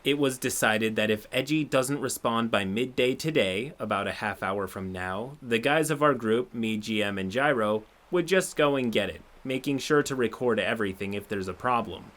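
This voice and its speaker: A man narrating a submitted tabletop gaming story, with expressive, sarcastic asides of his own. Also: mid-range voice, moderate pace, few pauses. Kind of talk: reading a submitted story aloud with commentary.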